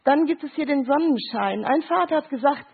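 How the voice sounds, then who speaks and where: A woman's voice: high voice, lively intonation, a little fast. A middle-aged woman, a grief counselor, gives a talk with picture cards, explaining with short examples and quoted voices and checking in with "Ja?". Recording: thin phone-like sound.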